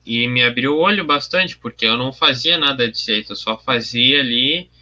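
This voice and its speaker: A young artist livestreams while coloring his artwork, speaking at normal speed in a mid-range, sharp-toned voice. He chats casually, thinking aloud about his process and answering viewer comments.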